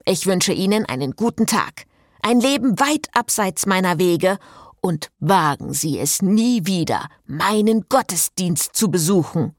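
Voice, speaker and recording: A woman's voice: lowish voice, animated, unhurried, no room sound. Prim, offended priest, read by a woman, audiobook, dry close sound. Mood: indignant. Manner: huffy, formal. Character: indignant, prim male priest.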